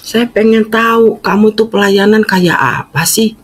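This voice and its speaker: A woman putting on her elderly mother's voice, curious and blunt, raised higher than her own. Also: measured pace, slightly rough. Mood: eager. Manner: raised, lively quoting voice.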